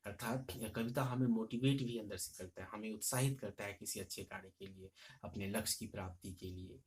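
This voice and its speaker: A man teaching a lesson, explaining a poem line by line and reciting its verses loudly with rising emphasis. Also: lowish voice, fairly quick.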